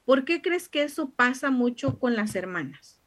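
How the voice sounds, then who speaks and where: A woman with a somewhat high voice hosts a talk show in a casual tone. She reads out viewer comments and asks light, playful questions. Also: animated, normal speed, a bit bright.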